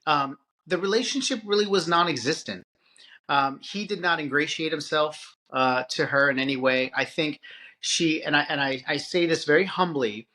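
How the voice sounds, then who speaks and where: A man's voice: fairly high pitch, bright, forceful tone. A middle-aged man co-hosting a podcast, talking in a thoughtful, hesitant way with many restarts. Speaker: podcast co-host. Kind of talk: casual chat.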